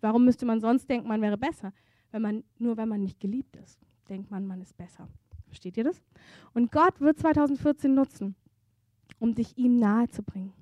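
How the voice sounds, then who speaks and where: A woman preaching a sermon at a church service, earnest and intimate, moving between hushed softness and fervent emphasis. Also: on the high side, dry recording.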